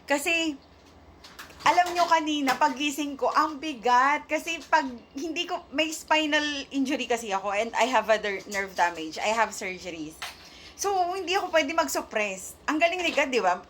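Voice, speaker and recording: A woman giving an emotional faith testimony to her viewers, halting and searching for words as she talks, shaky and near tears at times. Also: high voice, animated, fairly bright tone, slight background noise. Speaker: vlogger sharing a faith testimony.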